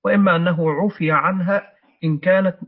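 Teacher, slightly high voice. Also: male voice, fairly even intonation, a little fast, husky. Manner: explanatory, with frequent hesitation sounds. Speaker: teacher correcting a reader. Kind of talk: explaining a text in a lesson. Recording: muffled lo-fi recording.

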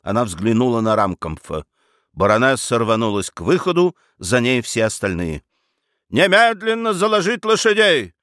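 Expressive male storyteller. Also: lowish voice, moderate pace, no room sound, studio quality. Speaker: narrator. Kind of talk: audiobook story reading.

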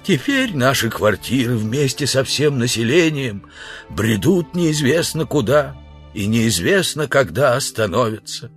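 A man's voice: mid-range voice, sing-song, faint music behind, voice pushed up. A man doing a moaning, dying stranger. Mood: weary. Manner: groaning, slow.

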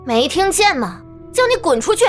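A woman playing a proud, guarded, earnest young gentlewoman in an audiobook drama. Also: high-pitched, expressive, moderate pace. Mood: cold, disgusted. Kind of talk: Chinese audiobook drama acting. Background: background music.

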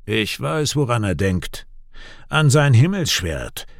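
Steady peacemaker, soothing but firm, lively delivery, played by a man. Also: medium pitch, takes it slowly, creaky, no room sound, studio quality, full character voice. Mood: strained. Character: steady older man, peacemaker between brothers. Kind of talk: audiobook character voice.

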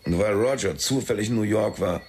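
A man's voice: on the low side, brisk, a little mellow, a little hiss or hum. A man narrating and playing the detective in a radio drama, dry and laconic.

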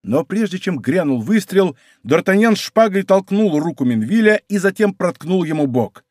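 A man narrates a historical adventure audiobook with vivid, dramatic storytelling. His voice sits fairly high and swings widely in pitch. The studio sound is close and dry. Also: big pitch swings, normal speed, darkish tone, no echo. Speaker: audiobook reader. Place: recording studio.

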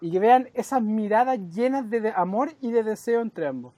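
A man's voice: high voice, normal speed, warm tone, dry recording. A man with a Chilean accent co-hosting a casual wrestling podcast, teasing and knowing in tone. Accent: Chilean Spanish. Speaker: podcast co-host.

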